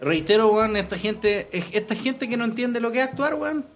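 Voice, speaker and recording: A man's voice: high-pitched, animated, moderate pace. A man with a Chilean accent, reading comments aloud in a casual chat, crude and mocking, swearing a lot.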